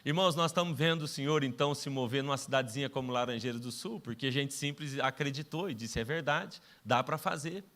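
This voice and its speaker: A man's voice: medium pitch, a little fast, few pauses, a bit bright. A middle-aged Brazilian man preaching a sermon as pastor, telling stories with self-mocking humor and acting out the dialogues. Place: church stage.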